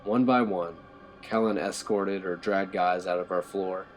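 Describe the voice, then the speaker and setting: A man narrating a horror story in a low, tense storytelling manner. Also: fairly even intonation, unhurried, slight background noise.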